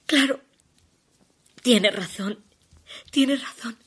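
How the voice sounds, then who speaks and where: An actress performing a stage monologue as a desperate woman pleading with her departing lover by phone, halting and emotional, shifting between hushed pleas and urgent outbursts. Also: a little high, breathy edge, exaggerated voice. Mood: tender. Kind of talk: theatrical monologue.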